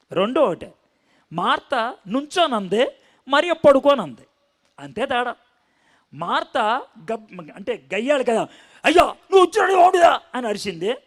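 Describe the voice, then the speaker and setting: Male preacher from India, high voice, talky sermon delivery with rhetorical questions, reads verses then unpacks them. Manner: conversational, asks the listeners rhetorical questions. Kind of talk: Bible sermon.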